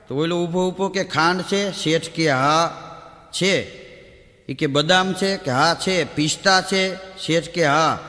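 A man telling folk jokes on stage and acting out the dialogue in quick back-and-forth quotes. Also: high voice, fairly bright tone, in a large hall. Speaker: comedian telling village jokes. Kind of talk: Gujarati folk humor storytelling (lok dayro). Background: audience laughter.

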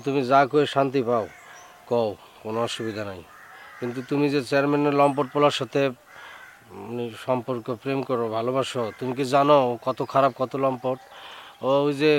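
An actor playing a soft-spoken, pleading village suitor in a comedy drama, recorded outdoors. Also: male voice, medium pitch, slight background noise, lightly acted. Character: meek village suitor accused of theft.

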